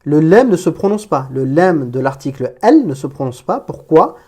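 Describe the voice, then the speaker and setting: A woman's voice: sits low, very animated, moderate pace, warm tone, slightly rough. A woman teaching an Arabic reading lesson, patiently reading word by word and explaining pronunciation.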